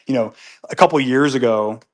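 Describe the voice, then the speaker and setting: A man's voice: mid-range voice, brisk. A man hosting a live audio chat from home, answering listener comments casually and earnestly, with many restarts and fillers. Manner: upbeat and earnest when disagreeing. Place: at home with pets nearby.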